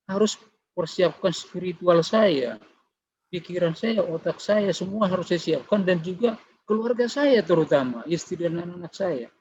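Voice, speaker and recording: Middle-aged guy sharing his testimony, chatty storytelling, kinda higher voice, slightly dull muffled recording. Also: a little mellow, a little hiss or hum. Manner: conversational storytelling, acts out dialogue. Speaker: testimony giver. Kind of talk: personal faith testimony.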